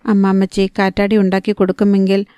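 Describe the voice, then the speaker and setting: A woman narrating a novel as an audiobook, calm and steady, on a close microphone. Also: mid-range voice, fast talker, smooth, no room sound.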